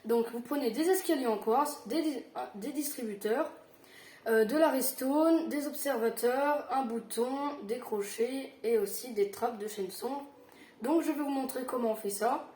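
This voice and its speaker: Chatty woman with a high voice. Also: warm tone, roomy sound. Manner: chatty, halting, many fillers and self-corrections. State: tired. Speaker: Minecraft tutorial youtuber. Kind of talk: casual gaming tutorial.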